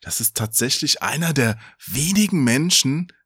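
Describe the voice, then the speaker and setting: A man's voice: mid-range voice, lively intonation, normal speed, a bit bright, slightly rough, no room sound, studio quality. A man in his forties from Germany, hosting a podcast in a casual, joking, teasing way. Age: 40s. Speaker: podcast host. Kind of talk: casual chat.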